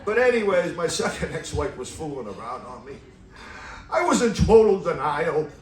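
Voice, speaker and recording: Stand-up comic, middle-aged man, high bouncy voice, deadpan one-liners, roomy club sound from back of the room. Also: normal speed, recorded from a distance. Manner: deadpan one-liners, laughs at own jokes. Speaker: stand-up comedian. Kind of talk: stand-up comedy set. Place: comedy club stage with live audience. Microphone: stand mic away from mouth.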